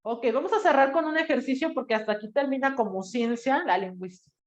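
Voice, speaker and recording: A woman teacher, giving a lively classroom lecture and listing terms with a casual "bla, bla". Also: high-pitched, quick pace. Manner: lively, explanatory, lists terms and trails off with "bla, bla". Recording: echoey room, dull lo-fi sound.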